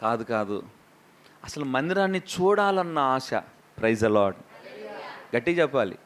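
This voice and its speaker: A man preaching a lively sermon as a pastor, questioning the congregation and acting out quotes. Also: mid-range voice, measured pace, background noise.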